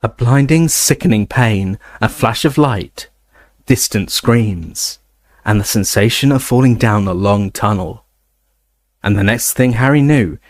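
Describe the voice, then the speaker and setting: A man's voice: on the low side, dry recording. Man reading a story aloud, dry sound. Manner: expressive, occasional stumbles and restarts. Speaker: reader. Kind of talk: audiobook reading.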